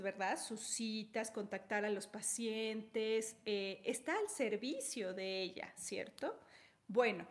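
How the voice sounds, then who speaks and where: A woman giving a conversational teaching talk on health, telling examples and checking in with little tag questions. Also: a little high. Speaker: holistic health speaker.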